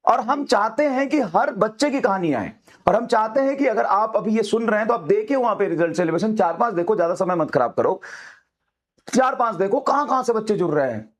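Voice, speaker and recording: Fiery high-voiced male teacher. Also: animated, fairly quick. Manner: fiery, repetitive exhortations. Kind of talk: motivational talk to students.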